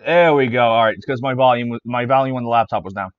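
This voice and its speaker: A man's voice: medium pitch, fast talker, no room sound. Laid-back male streamer, desk mic, dry and slightly dull sound, rattles off card names. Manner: reads card names off in a list, with fillers and restarts. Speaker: streamer opening trading card packs. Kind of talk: casual live-stream chat.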